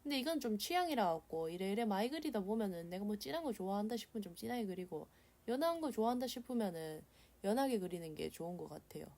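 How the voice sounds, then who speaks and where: She talks fast in a medium-pitched, somewhat dark and expressive voice, using a regional South Korean dialect to host an easygoing art tutorial with a frank, chatty, colloquial style.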